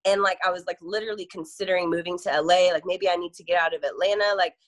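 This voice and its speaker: A woman's voice: lowish voice, steady tone. Chatty young woman, casual interview. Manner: chatty, fast, filler-heavy with frequent "like" and laughs. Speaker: event promoter, guest.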